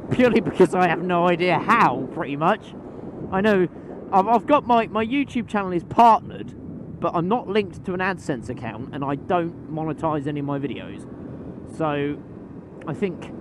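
A young man chatting casually while riding a motorbike at night, rambling with fillers and casual swearing. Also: on the high side. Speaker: motovlogger. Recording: road and engine noise behind.

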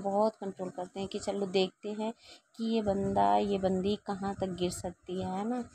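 A woman's voice: medium pitch, warm tone, slightly rough. A woman in her thirties, a mother talking casually to her viewers in a chatty, repetitive way while cooking in her home kitchen. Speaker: vlogger and mother.

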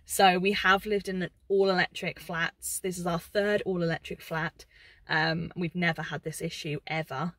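A woman's voice: fairly low pitch, little pitch movement, moderate pace, fairly bright tone, no room sound. A young woman giving a casual, open life update from inside her parked car, filmed close up and talking with lots of fillers. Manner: chatty, open, lots of "um" and "like", hands moving. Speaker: vlogger. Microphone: camera facing her at close range.

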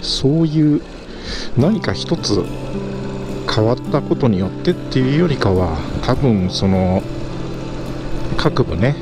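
Motovlogger, male, relaxed musing delivery with lively pitch swings, loud music bed over road noise. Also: slow, pauses often. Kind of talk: casual riding commentary. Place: riding a motorcycle outdoors. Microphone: helmet-mounted action camera mic.

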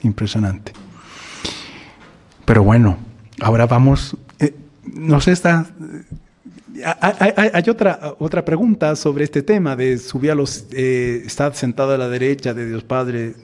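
A man, a priest, teaching an adult catechism class in a conversational, animated way, acting out little scenes as he explains. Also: medium pitch, a little slow, long pauses. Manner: conversational, animated storytelling with acted-out quotes.

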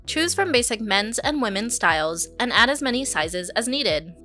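A woman narrates a promotional video in a polished, even, scripted read. Her voice sits fairly high and sounds bright and crisp, with soft music playing behind her. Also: normal speed. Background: background music.

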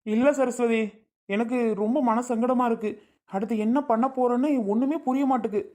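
A woman's voice: a little high, fairly even intonation, normal speed, a little mellow, lightly acted. Woman playing a worried middle-aged father. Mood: distressed. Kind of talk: home-made family drama skit.

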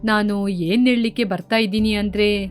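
A woman voicing a gentle elderly village father who speaks softly and pleadingly in a storybook tale. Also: medium pitch, fairly even intonation, normal speed, clean tone, faint music behind, pitched below the performer's own voice, natural voice.

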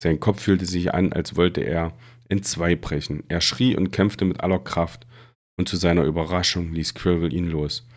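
A man reading a fantasy novel aloud in a steady, dramatic storytelling manner. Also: low-pitched, normal speed. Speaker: reader.

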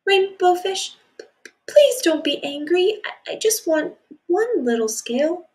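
A woman's voice: extremely high pitch, huge pitch swings, a little fast, a bit bright, pitched above the performer's own voice, full character voice. A woman voicing a timid, eager little male blue fish who pleads and stammers. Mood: pleading.

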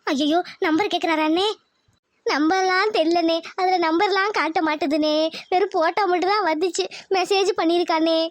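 A woman's voice: very high-pitched, steady tone, normal speed, no room sound. A woman voicing a scheming village mother in a cartoon, who wails and repeats her laments. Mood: pleading. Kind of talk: cartoon voice acting.

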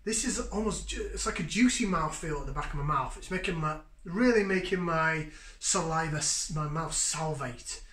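A man's voice: fairly high pitch, moderate pace, a bit bright. A man in his thirties reviewing a beer in his home kitchen, chatty and enthusiastic as he sniffs and sips. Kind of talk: casual beer tasting review. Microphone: fixed camera at table distance. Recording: echoey kitchen.

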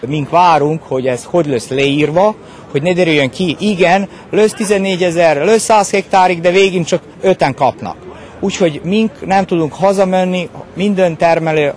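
A man, a protesting farmer talking in a street interview with many fillers and pauses. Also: on the high side, a little mellow. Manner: halting, dialectal speech with many fillers.

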